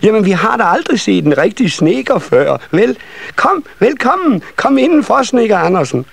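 A man reading a children's story and voicing a bunch of excited little elf children in a shrill, eager voice. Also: creaky, no echo, exaggerated voice. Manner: shrill, eager, tumbling over each other.

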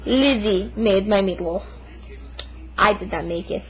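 On dull audio from a noisy home video, a young woman performs a comic monologue as a stubborn young Russian woman. Her medium-pitched voice has a breathy edge and is a little slow, and she complains with exaggerated indignation in broken English, dropping articles under a put-on Russian accent.

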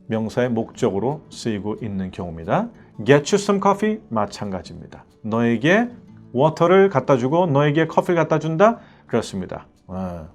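A man lectures as an English teacher, his voice rising and falling in an animated way and pitched a little higher than most men. He checks in with the class through rhetorical questions and sounds out each English example slowly so students can repeat it. A faint guitar track plays underneath.

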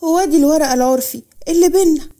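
A woman with an Egyptian accent voicing a callous young man who speaks slowly and dismissively. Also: high voice, warm tone, pitched above the performer's own voice, close to an everyday voice. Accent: Egyptian Arabic. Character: callous deceitful young man, cold lover.

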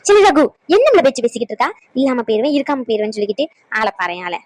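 A woman doing a sharp-tongued old granny. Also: on the high side, big pitch swings, racing, rough recording. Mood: scolding. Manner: scolding, teasing, sarcastic.

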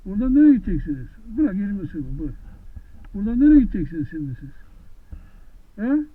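A man talking gently to horses in an outdoor pasture, coaxing them with affectionate, repeated questions. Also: sits high, big pitch swings, fast talker. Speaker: vlogger visiting wild horses. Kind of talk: casual talk to animals. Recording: tinny lo-fi phone-like sound, faint noise.

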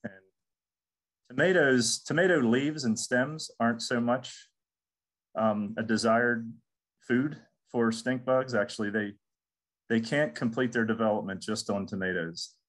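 A middle-aged American man, an extension entomologist, gives a casual recorded webinar lecture with slides about crop pests. His mid-range voice is unhurried, and he repeats words and restarts often.

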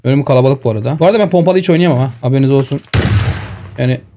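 A man giving excitable live commentary over his own shooter gameplay, talking to his viewers and shouting at enemies, on a headset mic. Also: mid-range voice, very fast, a little hiss or hum. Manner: excitable, talks to viewers and to the enemy. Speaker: gaming streamer. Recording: game sounds and gunfire behind.

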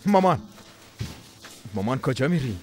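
A man's voice: mid-range voice, sing-song, soft background music, lightly acted. A man dubbing a torn young husband. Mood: tense. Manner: pleading, scolding. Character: young husband torn between wife and mother. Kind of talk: Persian dubbing of a drama series.

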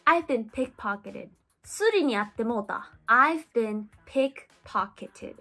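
Woman English teacher, fairly high voice, clear repetition drills, soft music underneath. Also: lively intonation. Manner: repeats each English phrase clearly for practice, then speaks fast and chatty in Japanese. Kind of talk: phrase repetition drill and lesson.

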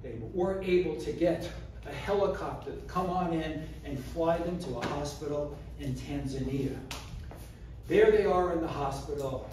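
A man giving an animated storytelling speech, acting out the scenes as he talks in a community hall. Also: a little high, a little hiss or hum. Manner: animated, acts out scenes with gestures. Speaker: public speaker. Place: community hall, indoors, large room. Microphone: far camera, no mic. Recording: echoey hall from far off.

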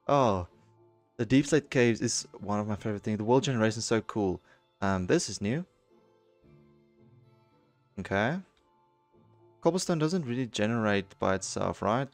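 A young man giving excitable let's-play commentary on a video game, jumping into high squeals when something thrills him. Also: no room sound. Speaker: gaming channel host.

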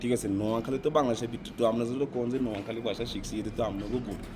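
A man's voice: medium pitch, fairly even intonation, very fast, noisy background. A man from South Africa answering interview questions in Bengali with a non-native Noakhali dialect accent, rambling and often asking "right?".

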